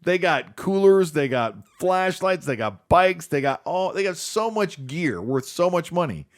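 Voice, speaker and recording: A man chatting casually as podcast co-host, eager to tell stories and quick to agree. His voice sits rather high for a man and swings widely in pitch. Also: big pitch swings. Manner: eager, storytelling, affirming. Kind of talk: casual chat.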